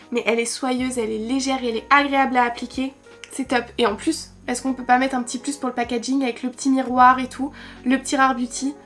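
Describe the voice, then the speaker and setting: A young Frenchwoman with a high, slightly bright voice reviews makeup in a chatty, enthusiastic vlog, speaking directly to her viewers as a beauty vlogger.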